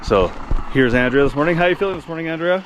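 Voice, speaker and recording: A man's voice: on the high side, fast talker. A man hosts an outdoor adventure vlog in a casual, chatty way. He speaks to the camera out in the open, with faint noise in the recording. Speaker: host of a hiking vlog. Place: outdoors in winter mountains.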